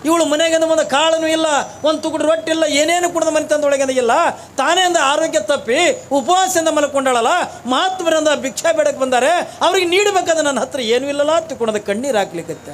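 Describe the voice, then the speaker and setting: A man's voice: very high-pitched, fairly quick, slight background noise. A man preaching a devotional sermon in a North Karnataka Kannada accent, telling a story and asking the audience rhetorical questions. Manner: rhetorical, repeats phrases and asks the audience questions. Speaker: religious preacher.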